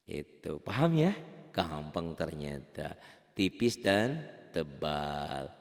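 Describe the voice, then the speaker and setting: A man teaching beginners Quran recitation rules in a casual, chatty way, chanting slow drawn-out examples. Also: extremely low pitch, sing-song, vocal fry, big-room sound. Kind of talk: online tajwid lesson for beginners.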